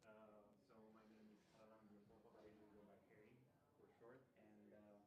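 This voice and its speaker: A man's voice: fairly low pitch, level tone, brisk, darkish tone. Hesitant young man from Romania. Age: young adult. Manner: hesitant, with many fillers. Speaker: animation student presenter. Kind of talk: student presentation.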